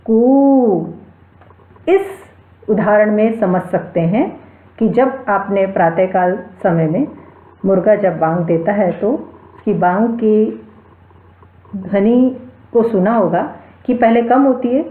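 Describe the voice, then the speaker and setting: Slow, deliberate woman lecturing in an echoey room. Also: medium pitch. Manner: spells out sounds and sutras, repeats key terms. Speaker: Sanskrit lecturer. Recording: echoey room over a tinny phone-like line.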